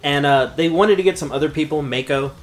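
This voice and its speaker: A man's voice: fairly high pitch, a little fast, soft background music. A man in his thirties co-hosting a podcast, chatting casually about a movie, laid-back and profane, often laughing. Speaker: podcast co-host.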